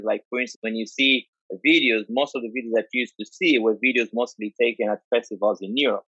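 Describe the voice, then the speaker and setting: A man with an Angolan accent talks informally, explaining things in a conversational way. His pitch is average for a man, and he often repeats and lists words for emphasis. The recording is somewhat dull and lo-fi. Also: fairly bright tone, dry recording. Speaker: dance culture speaker.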